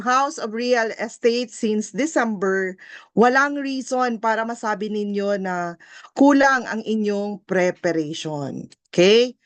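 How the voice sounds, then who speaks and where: A woman's voice: a little high, dry recording. A Filipino woman with a Filipino accent coaching an online review class, encouraging, mixing Filipino and English and often ending with tag questions.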